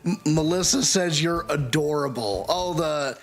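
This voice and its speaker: Slow-talking man streaming a game. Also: a little high, soft background music. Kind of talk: live game stream chat.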